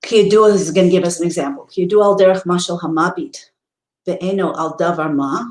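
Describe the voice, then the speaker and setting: A teacher, a native English-speaking woman with a low, darkish voice, gives an earnest spiritual lesson, going through ideas step by step with many restarted phrases and Hebrew readings. She talks a little fast, and the room around her echoes.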